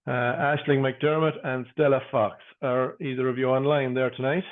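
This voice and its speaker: A man working as a bingo caller, announcing numbers digit by digit with traditional nicknames in a measured, formulaic way. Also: mid-range voice, little pitch movement. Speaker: bingo caller, host of an online bingo game. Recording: narrow phone-like sound.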